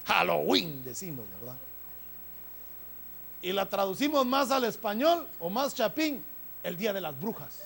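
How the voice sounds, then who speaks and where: A pastor delivers a sermon to his congregation in a notably high-pitched voice. He keeps turning to the listeners with brotherly asides and pushes his points with rising emphasis. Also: sing-song, a little slow, pauses often, a bit bright. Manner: preaching with frequent "hermano" asides, rising emphasis.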